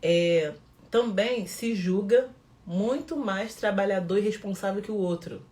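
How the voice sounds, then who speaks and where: A woman's voice: medium pitch, unhurried, a little mellow. A woman with a Brazilian Portuguese accent, mentoring in a conversational teaching talk who often checks in with her listeners and acts out what people say. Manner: conversational, asks the audience questions, acts out quoted voices. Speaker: emotional development mentor.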